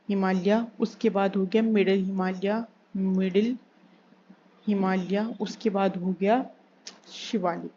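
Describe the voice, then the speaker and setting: A woman teaching an exam-prep geography lesson, repeating key terms slowly and asking and answering her own questions. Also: medium pitch, mellow. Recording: slightly dull recording with faint hiss.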